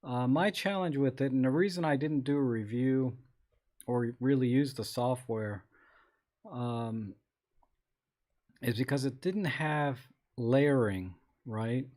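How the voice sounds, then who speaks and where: A man with a mid-range voice hosts a casual live-streamed photography Q&A, reading viewer comments aloud. He answers in a rambling, relaxed way with many restarts, and his voice is slightly scratchy today.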